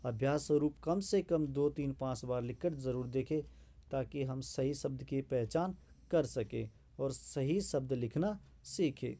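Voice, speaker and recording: A man teaching correct Hindi spelling, saying each word slowly and repeating it for students to practice. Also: mid-range voice, warm tone. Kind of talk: spelling lesson.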